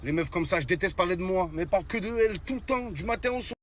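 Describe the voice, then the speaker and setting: A man's voice: high voice, expressive, rapid-fire, a little hiss or hum. A man with a French urban street accent tells comic stories in casual street slang, exclaiming with mock indignation. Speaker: comedian telling stories to the camera.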